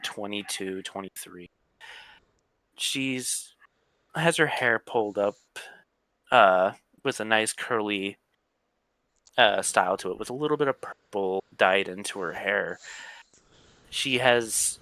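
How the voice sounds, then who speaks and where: A man's voice: fairly low pitch, bright, forceful tone, clean tone, no echo. A man narrating as game master of a tabletop game, casual and rambling with lots of fillers.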